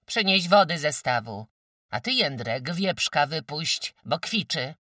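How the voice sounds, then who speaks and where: A man voicing a fierce, domineering old peasant mother who scolds in shrill shouts. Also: huge pitch swings, unhurried, no echo, clean studio sound, distant mic, heavily acted. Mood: furious.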